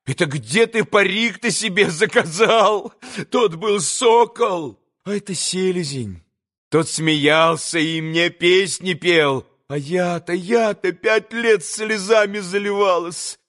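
A man reading aloud voices a proud, bitter young woman who cries out in shrill, strained tones. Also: takes it slowly, a bit bright. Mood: bitter, tearful.

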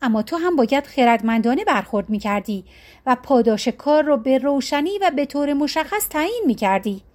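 A woman voicing a wise male ruler who gives judgment in a calm, measured way, in a storybook reading. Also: sits high. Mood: measured, firm. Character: stern wise male Indian ruler judging.

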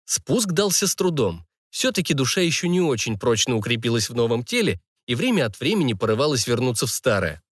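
A man's voice: medium pitch, brisk, hardly any pauses, breathy edge, dry recording. A male audiobook narrator tells a first-person fantasy story with wry irony. His mid-range voice moves expressively up and down. The recording is close-miked and dry, with no room sound. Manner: ironic, lively storytelling.

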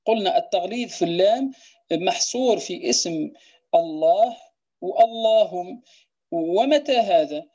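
A woman teaching Quran recitation rules, explaining verse lines and slowly repeating words to demonstrate correct pronunciation. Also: mid-range voice, lively intonation, mellow. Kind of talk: tajweed lesson explaining verse. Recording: dull lo-fi recording.

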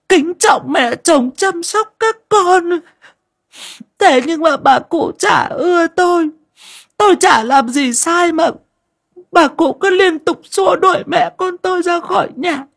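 A shrill scheming daughter-in-law. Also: male voice, gravelly, a bit bright, heavily acted. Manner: whining, wailing, accusing.

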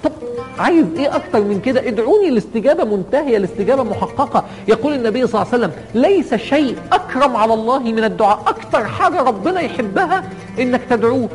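An Egyptian man delivers a sermon at a rapid clip, his voice pitched high for a man. He pleads and presses, climbing even higher on each call to God. Clear backing music runs beneath him the whole time. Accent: Egyptian Arabic. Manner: impassioned, rising to pleading highs on invocations. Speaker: preacher. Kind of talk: Ramadan sermon to a live audience.

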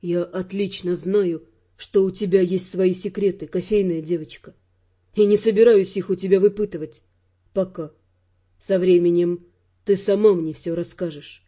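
A woman voicing a confident, teasing young male earl in a lowered, mocking, self-assured tone. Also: fairly even intonation, moderate pace, dark tone, muffled recording, close to an everyday voice. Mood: tender teasing.

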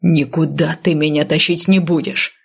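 A woman's voice: low voice, fairly even intonation, a little slow, vocal fry, slightly rough, voice pushed down, full character voice. A woman voicing a grim, stubborn man cursed and bound to death, curt and stern, in an audiobook. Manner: stern, curt, speaking through clenched teeth. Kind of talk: audiobook character voice.

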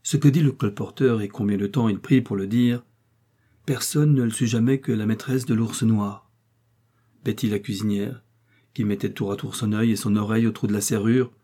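Homme à la voix sombre et voilée. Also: male voice, on the low side, mellow, slightly rough. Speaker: audiobook narrator. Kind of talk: audiobook reading of a novel.

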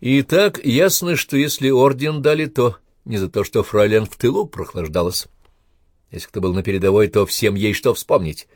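A man's voice: medium pitch, normal speed, darkish tone, no echo, clean studio sound, voice pushed up, close to an everyday voice. A man voicing a commanding German officer who speaks in a clipped, authoritative way. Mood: stern.

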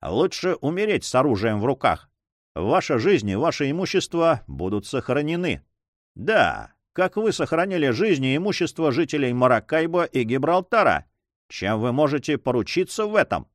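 A man's voice: medium pitch, big pitch swings, normal speed, no room sound, clean studio sound, lightly acted. A man voicing a dying old male governor who speaks in a grim, labored way.

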